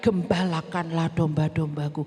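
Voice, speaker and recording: A woman voicing Jesus as a calm, gentle male teacher, speaking solemnly and slowly. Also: deep voice, voice pushed down, lightly acted. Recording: echoey church hall.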